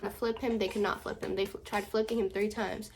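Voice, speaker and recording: A woman's voice: mid-range voice, flat delivery, brisk, a little mellow, a little hiss or hum. A woman vlogger casually recounting a personal story to camera, chatty and full of fillers.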